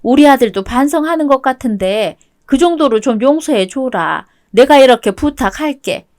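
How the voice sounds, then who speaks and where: A woman's voice: sits high, lively intonation, moderate pace, darkish tone. A woman voicing a worried older mother-in-law, motherly and scolding, in a web-toon radio drama reading. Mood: concerned.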